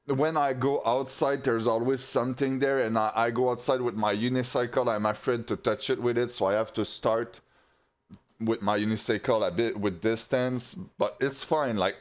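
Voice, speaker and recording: A man's voice: mid-range voice, fairly even intonation. Heated, profane man ranting. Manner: heated, profane, halting with restarts. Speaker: channel host. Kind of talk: casual rant to camera. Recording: slightly dull lo-fi audio.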